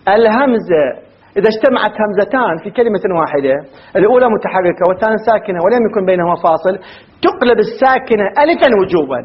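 A male teacher lectures his class, firing rhetorical questions at the students and reciting word forms one after another. His voice sits high and swings widely in pitch. The recording is dull and lo-fi. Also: expressive, fast talker. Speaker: grammar teacher.

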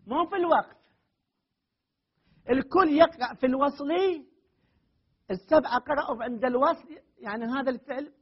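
A man with a high, husky voice lectures on grammar, repeating his points and leaning hard on key words. The recording is dull and lo-fi. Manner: explains slowly with repeated phrases, rises to emphatic stresses. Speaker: teacher of Arabic grammar and Quran readings. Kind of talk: classroom lecture.

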